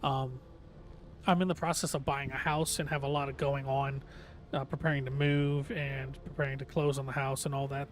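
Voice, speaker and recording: A man's voice: medium pitch, little pitch movement, moderate pace. A man livestreaming a game in casual, earnest, hesitant chat, his voice slightly reedy and tired from long talking.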